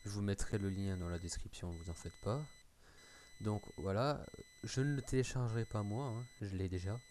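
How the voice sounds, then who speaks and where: A man's voice: fairly low pitch, normal speed, a little mellow. French guy doing a screen tutorial, lots of euh and restarts, faint noise in the back. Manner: hesitant, many fillers and restarts. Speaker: tutorial maker. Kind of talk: screen-recorded tech tutorial.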